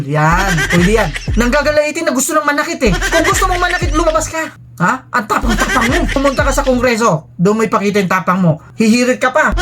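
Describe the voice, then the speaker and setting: Sarcastic vlogger from the philippines mocking someone, keeps laughing, music playing behind. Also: mid-range voice. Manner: sarcastic, taunting, laughs often. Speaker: reaction vlogger. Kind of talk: mocking reaction commentary.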